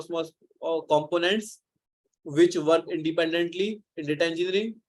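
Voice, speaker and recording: A male instructor giving a live online lecture, explaining in a loose, rambling way with many restarts. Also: fairly high pitch.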